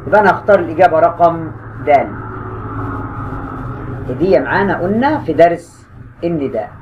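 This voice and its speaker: A man with an Egyptian Arabic accent teaching a high school grammar lesson online, slowing down to stretch key words and talking straight to his students in a teasing, coaxing way. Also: very animated, phone-quality sound, background noise.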